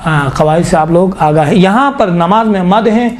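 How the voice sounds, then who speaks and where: A middle-aged man with a notably high voice teaches a class on Quran recitation. He explains each rule patiently and often breaks into slow, drawn-out recitation to demonstrate. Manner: explains step by step, slowly recites and repeats verses to demonstrate. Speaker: tajweed teacher.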